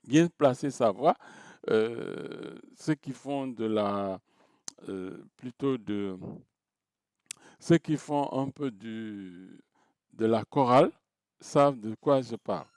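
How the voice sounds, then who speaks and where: Male teacher giving a recorded lecture: slow, hesitant delivery with many fillers, counts points aloud, dry close sound. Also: medium pitch, a little mellow, no echo. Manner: explains step by step, counts items aloud.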